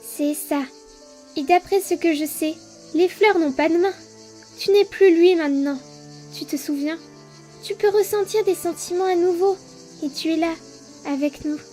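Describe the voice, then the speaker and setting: A woman's voice: very high voice, moderate pace, long pauses, dark tone. A woman voicing a determined human child in a fan dub of a game. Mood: firm. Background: music.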